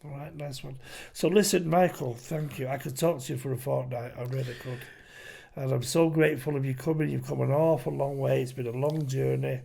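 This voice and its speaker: Gravelly-voiced man in his fifties hosting. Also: mid-range voice, steady tone, fairly quick. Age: 50s. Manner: warm, encouraging, frequent "yeah", calls guest "mate". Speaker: podcast host. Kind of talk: casual interview.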